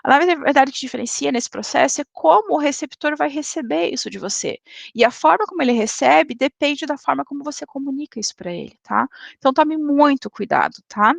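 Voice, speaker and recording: Brazilian woman teaching a webinar, high gravelly voice, dry sound. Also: lively intonation, fairly quick, few pauses, no room sound. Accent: Brazilian Portuguese. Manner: didactic, frequent "tá?" tag questions. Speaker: lecturer. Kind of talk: webinar lecture.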